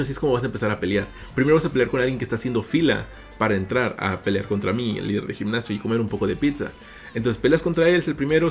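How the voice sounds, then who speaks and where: Mexican guy doing a gaming vlog, playful and bouncy, soft music under him. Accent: Mexican Spanish. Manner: animated, playful, big pitch jumps, calls viewers "little ones". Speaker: gaming YouTuber host. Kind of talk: playful imaginative vlog narration.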